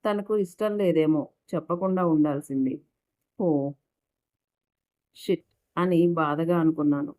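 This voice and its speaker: Low-voiced woman reading a love story. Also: a little fast, hardly any pauses. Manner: reads dialogue and narration in one steady voice, small slips and restarts.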